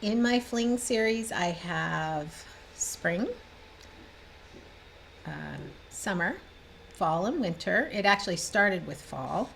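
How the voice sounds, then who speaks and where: On the low side and a bit bright, her gravelly voice moves slowly and expressively, with long pauses. She's a cross-stitch designer and vlogger in her fifties, a little stuffed up, cheerfully rambling through a show-and-tell of her projects at home among bookshelves. Slight background noise can be heard.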